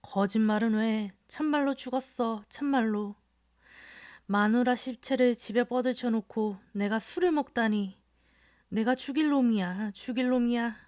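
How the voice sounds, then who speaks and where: A woman voicing a crude, drunken middle-aged male rickshaw puller in a storybook reading, shouting and cursing. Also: on the high side, measured pace, no echo, studio quality, close to an everyday voice. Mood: wailing.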